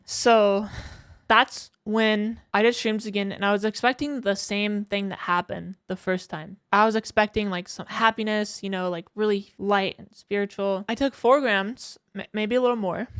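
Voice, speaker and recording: A woman's voice: mid-range voice, steady tone, unhurried, smooth, dry recording, clean studio sound. A young woman streamer telling a long personal story in casual, rambling talk, swearing and laughing often.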